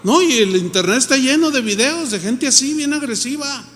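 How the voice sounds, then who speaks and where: Mexican pastor, kinda high voice, chatty sermon that acts out voices, big echoey church. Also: male voice, animated, normal speed, a bit bright. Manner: conversational preaching that acts out quoted voices.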